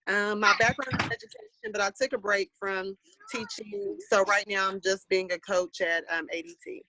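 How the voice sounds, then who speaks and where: A woman in her thirties in a casual group discussion, relaxed and quick to joke about herself. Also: medium pitch, no room sound, poor audio. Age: 30s. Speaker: guest. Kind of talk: casual chat.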